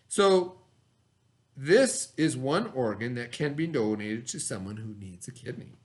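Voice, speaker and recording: Leading children through a read-aloud lesson, a fairly high-pitched man repeats the important words and asks questions to prompt them, keeping an instructive tone.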